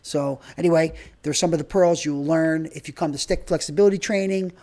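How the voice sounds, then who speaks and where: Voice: medium pitch, a little fast, a little mellow. A breathwork and movement trainer giving informal, rambling spoken instruction while demonstrating.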